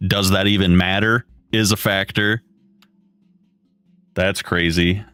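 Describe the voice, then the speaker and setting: A man in his thirties chatting casually with his live chat while building, relaxed and rambling. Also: sits low, slow pace, clean tone, no room sound. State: has the hiccups. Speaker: streamer. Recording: dry close mic, faint music behind.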